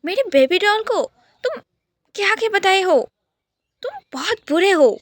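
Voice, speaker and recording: A woman doing a loud teasing brother. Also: high-pitched, lively intonation, normal speed, dry recording, studio quality. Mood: teasing, mock-indignant. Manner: loud, mock-outraged teasing. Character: teasing protective young adult brother.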